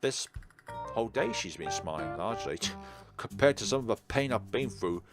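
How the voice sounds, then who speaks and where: This host's voice is fairly low and animated, moving at a moderate pace. Playing a visual novel for his let's play, he reads the text aloud with expression and chats between lines as game music runs underneath.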